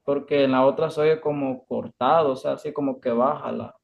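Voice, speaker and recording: A male student answers a teacher's question tentatively, hedging as he goes. His voice has a gravelly edge. The recording is dull and muffled. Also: medium pitch, fairly even intonation, a little fast.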